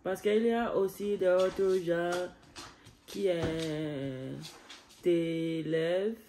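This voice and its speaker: A woman with an English accent and English as her first language talks slowly in a casual daily vlog. She hesitates and pauses often as she searches for words, filmed on a phone outdoors with a faint outdoor ambience behind her. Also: on the low side, warm tone, a little hiss or hum. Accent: English-speaking. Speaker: vlogger learning French. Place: outdoors on a foggy day.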